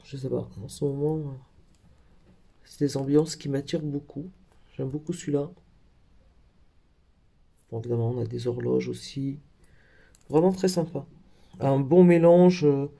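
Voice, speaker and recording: Gravelly, mellow-voiced man chatting about crafts. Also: medium pitch, a little slow, pauses often. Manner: hesitant, with frequent fillers and self-corrections. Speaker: craft vlogger. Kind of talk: casual haul video show-and-tell.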